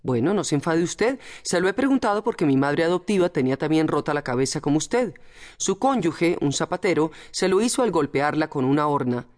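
A woman voicing a calm, soft-spoken, kindly male visitor in an audiobook. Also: low voice, a little fast. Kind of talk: audiobook character voice.

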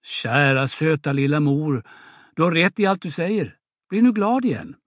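A swaggering young peasant, voiced by a man reading an audiobook drama, spins a breathless tall tale. His voice sits a little high, and the sound is dry and close to the mic. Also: lively intonation, no room sound, lightly acted. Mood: coaxing. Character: boastful young peasant braggart, swaggering storyteller.

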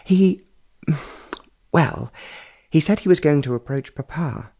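A man's voice: fairly high pitch, animated, takes it slowly, creaky, mellow, breathy edge, voice pushed up, exaggerated voice. A man voicing a dreamy lovestruck young lady. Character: pretty young society woman, dreamy and lovestruck.

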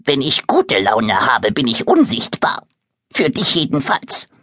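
A man's voice: medium pitch, huge pitch swings, unhurried, bright, forceful tone, no echo, studio quality, voice pushed up, full character voice. A man voicing a small, grumpy, shaggy monster in a children's audiobook, grumbling and sulky. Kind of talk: audiobook character voice.

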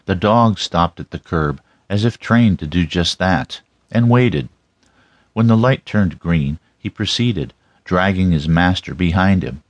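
A man narrates a crime story in the first person, as for an audiobook. His voice sits low in pitch, and the sound is dry with hardly any room to it. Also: no echo, dull audio.

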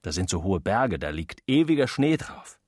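Ein Mann spricht in einer Hörbuchlesung einen ungeduldigen Familienvater mittleren Alters, der belehrend und ausweichend redet. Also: male voice, deep voice, very animated, moderate pace, darkish tone, no room sound, studio quality, voice pushed down. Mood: lecturing. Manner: gruff, lecturing, evasive. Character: impatient, blustering middle-aged father.

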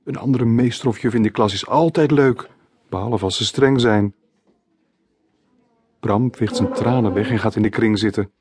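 A man narrating his own children's storybook as an audiobook, in clear, measured storytelling. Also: lowish voice, a little mellow, a little hiss or hum. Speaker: author reading his own book.

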